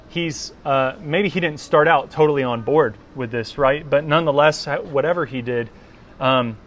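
A man preaching a sermon in a relaxed, conversational, self-deprecating way. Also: medium pitch, a little hiss or hum. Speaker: pastor.

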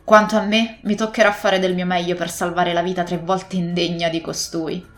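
A woman voicing a stern, dry-witted male doctor who speaks in a brisk, dismissive way. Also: fairly low pitch, level tone, soft background music, close to an everyday voice.

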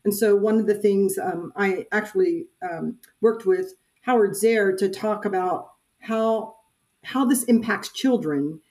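A woman's voice: medium pitch, a little slow, darkish tone, poor audio. A middle-aged woman, a church peace minister, speaking earnestly as a podcast guest with frequent fillers. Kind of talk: casual interview talk.

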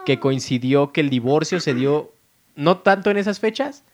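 A man's voice: fairly high pitch, animated, moderate pace. A young man with a Mexican accent, a podcast co-host in casual chat, teasing his friends and hesitating with fillers.

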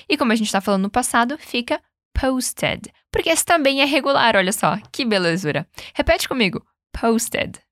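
A Brazilian woman hosting a podcast English lesson, upbeat and coaching, modelling English words slowly and prompting the listener to repeat them. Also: fairly high pitch, animated, a bit bright, no echo, clean studio sound. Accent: Brazilian Portuguese. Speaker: English teacher and podcast host. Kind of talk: podcast language lesson with repeat-after-me drills.

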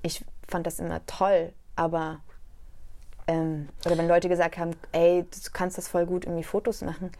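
A young woman talks through a personal topic in an unhurried, reflective way on a conversational podcast. She grows more animated when she recounts anecdotes. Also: fairly low pitch. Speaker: podcast co-host. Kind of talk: casual conversation.

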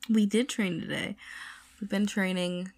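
A woman's voice: medium pitch, fairly even intonation, unhurried. A woman from the northern US in casual chat, laid-back, giving short replies. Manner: laid-back, brief replies, laughs often.

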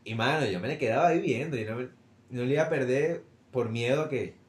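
A young Venezuelan man in quick, slangy, teasing casual chat. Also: medium pitch. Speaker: podcast co-host. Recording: echoey room.

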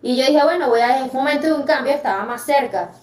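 A woman from Venezuela with a Venezuelan Spanish accent, telling her own story as a podcast guest in a lively way, acting out the voices she quotes. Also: high voice, fast. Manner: lively, acts out quoted voices, many fillers. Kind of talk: animated personal storytelling. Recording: roomy, distant mic.

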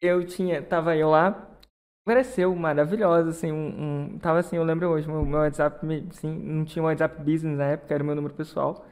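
A man's voice: a little high, flat delivery, brisk, darkish tone. A man chats casually about his work, spinning an anecdote with lots of energy. He laughs often and keeps the story rolling. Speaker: wedding photographer.

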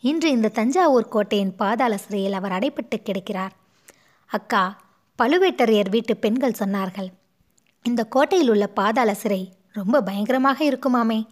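A distraught young noblewoman from a storybook pleads through sobs, her voice pitched a little high and pushed a touch louder than plain talk, as a woman reads her part. She sounds torn by guilt and begging for mercy. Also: normal speed, lightly acted. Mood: pleading. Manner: pleading, sobbing between words.

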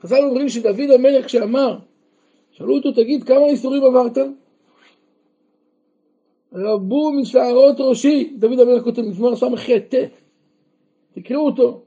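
High-voiced rabbi teaching a Torah class. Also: male voice, pauses often, mellow. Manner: asks the listeners questions and answers them himself; breaks into emphatic raised outbursts. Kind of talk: Torah lesson to a live group. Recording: dull lo-fi recording.

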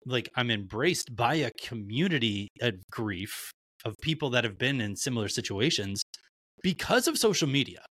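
A man's voice: mid-range voice, big pitch swings, moderate pace, fairly bright tone, dry recording, clean studio sound. A man hosting a podcast, talking candidly in a loose, casual way and swearing freely. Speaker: podcast host.

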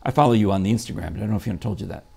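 A man's voice: lowish voice, very fast, vocal fry, dark tone, breathy edge. A man hosting a casual morning chat show, talking in a rambling, chatty way with lots of fillers and restarts. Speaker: show host.

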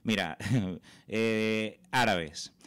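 A man hosts a casual interview, often repeating words as he gropes for the next one. His voice sits low and sounds smooth and resonant. The sound is dry, with no room echo. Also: drawn-out words, a bit bright. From Venezuela. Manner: hesitant, repeats words while searching for them. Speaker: podcast host.

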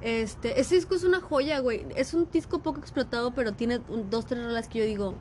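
Lively laughing Mexican woman host. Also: fairly high pitch, fairly quick, slight background noise. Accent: Mexican Spanish. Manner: slangy, laughs a lot, animated. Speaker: podcast host. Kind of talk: casual chat.

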